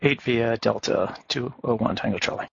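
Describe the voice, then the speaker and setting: A man's voice: mid-range voice, moderate pace, gravelly, slightly rough. A man speaking as a pilot, giving clipped radio calls and readbacks. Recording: dull lo-fi radio audio.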